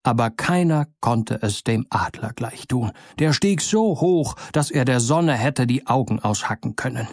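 Male storyteller, mid-pitched, dry close sound, fairy tale reading. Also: no echo. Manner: measured, expressive storybook narration. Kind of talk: fairy tale read aloud.

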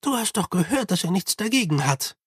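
Man voicing a pedantic old monk, measured, lecturing, raised voice, husky edge. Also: high voice, big pitch swings, no room sound, clean studio sound, pitched above the performer's own voice, heavily acted.

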